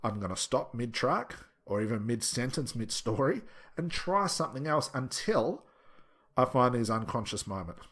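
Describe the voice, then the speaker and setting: A man's voice: mid-range voice, very animated, moderate pace, a bit bright, slightly rough. A man giving an instructional lecture in a conversational, explanatory style, stressing and repeating his key points as a teacher does. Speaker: hypnosis instructor.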